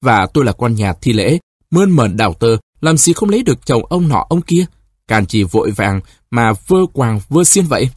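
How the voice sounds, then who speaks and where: A distraught young woman , voiced by a male reader, begs and reproaches her lover. Her tone is husky and raised, pleading with an edge of bitterness. The sound is dry and close, as in a storybook reading. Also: mid-range voice, very animated, normal speed, no room sound. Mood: bitter.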